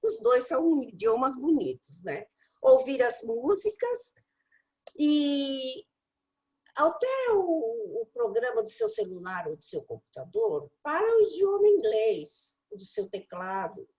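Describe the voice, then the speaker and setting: A woman English teacher mentors her listeners with practical study tips. Her voice sits high and moves through a wide, animated range. She speaks directly and playfully to the audience. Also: slow, rough recording.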